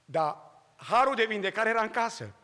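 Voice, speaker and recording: A man from Romania preaching a sermon and telling a testimony, swinging between loud cries and hushed storytelling. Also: high-pitched, animated. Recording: long hall reverb.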